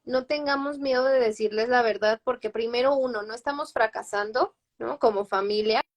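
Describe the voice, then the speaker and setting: A fairly high-pitched young woman speaks as a psychologist guest on a live advice stream. She explains each point through examples from her own family, checking in with tag questions as she goes. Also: moderate pace.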